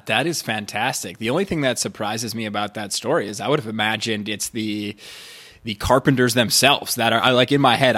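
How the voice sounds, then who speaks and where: Bright-voiced man hosting an interview. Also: lowish voice. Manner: upbeat, enthusiastic interviewer. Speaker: podcast host. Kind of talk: casual interview chat.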